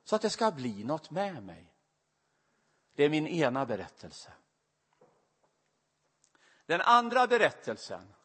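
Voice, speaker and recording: Middle-aged male preacher, lively pitch, confessional storytelling, slightly high voice. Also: pauses often, slightly rough. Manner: confessional, emotionally rising storytelling. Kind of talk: personal storytelling sermon. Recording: long reverb of a large hall.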